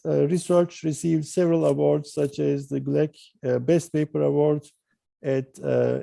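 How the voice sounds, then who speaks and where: A man's voice: a little high, gravelly, warm tone, no room sound. A man hosting an interview, reading a guest introduction with fillers and slips, then asking questions. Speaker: interview host.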